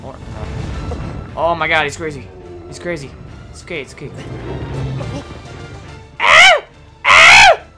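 A young man casually commenting on his gameplay, excitable, swearing and joking and talking to his horse in the game. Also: fairly high pitch, normal speed, pauses often. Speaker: gameplay streamer. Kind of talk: casual let's play commentary. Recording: game music loud behind the voice. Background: video game music and sounds.

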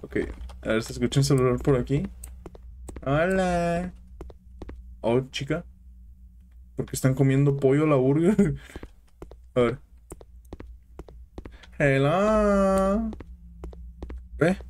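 A man's voice: mid-range voice, moderate pace, long pauses, dark tone, slight background noise. A young man with a Mexican accent giving casual commentary on a horror game, jumpy, yelping and swearing at scares, chatting with his viewers. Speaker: gaming channel host.

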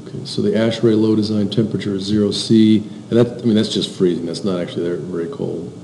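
A male instructor lectures in a classroom, pointing things out on slides and circling back over his words as he explains. His voice is low, gravelly and dark in tone, with a flat delivery. The sound is roomy, with faint hiss behind it. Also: quick pace.

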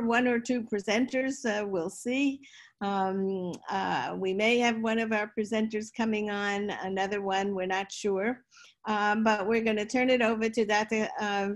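An older woman hosting a roundtable on a video call, loose and unhurried with many fillers. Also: on the high side. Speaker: roundtable host. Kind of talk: online roundtable moderating. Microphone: laptop webcam, video call.

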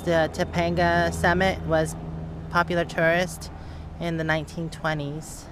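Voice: mid-range voice, unhurried. A vlogger narrating a road trip in a casual, chatty way, with fillers, filmed from inside a car and then outdoors on a hilltop. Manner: relaxed, chatty, with frequent fillers. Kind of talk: casual travel vlog narration. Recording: loud car and road noise.

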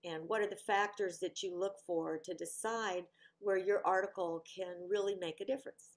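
Measured woman moderating a panel. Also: lowish voice, fairly even intonation. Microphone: video call.

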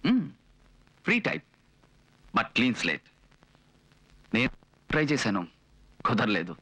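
A man's voice: medium pitch, wildly swooping pitch, takes it slowly, bright, forceful tone, slightly rough, no room sound, exaggerated voice, rough recording. Breezy flirty office guy. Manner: breezy, boastful chat with chuckles. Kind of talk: dubbed film dialogue.

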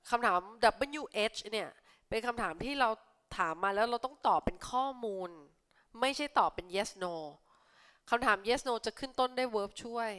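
A young woman tutoring children for an English exam, reading English lines slowly and explaining them in a friendly, teacherly way. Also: mid-range voice, a bit bright, clear, resonant tone. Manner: friendly teacherly tone, ends with polite particles. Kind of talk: exam answer walkthrough for young pupils.

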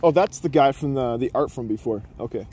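A man casually commenting on opened cards, enthusiastic and quick with asides. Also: mid-range voice, warm tone, slight background noise. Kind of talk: casual card-opening chat.

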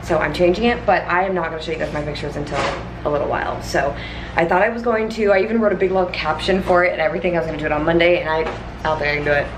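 A woman in her thirties, a fitness vlogger, talks casually and fast to the camera she holds at arm's length, moving between her apartment and the gym. Her voice sits low, and there is background noise. She is earnest and emphatic, calling her viewers "you guys."

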